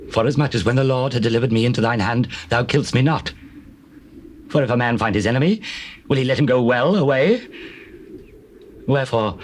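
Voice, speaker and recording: An actor playing a weary, remorseful older king of Israel in dramatized scripture, with solemn, deliberate archaic phrasing. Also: medium pitch, lightly acted. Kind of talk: dramatized scripture, classical stage acting. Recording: hissy old cassette tape transfer.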